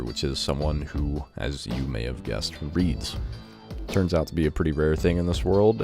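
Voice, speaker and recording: A man with an extremely low voice hosts a casual video game first-impressions show. He talks informally, loosely thinking aloud. Faint music plays behind him. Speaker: video game review host.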